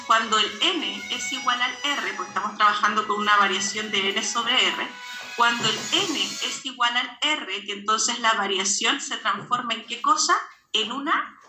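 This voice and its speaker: A woman's voice: a little high, pushed and bright. A woman math teacher, giving a classroom lesson and often stopping to check that students follow. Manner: patient, checks understanding with frequent questions. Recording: echoey classroom with faint background noise.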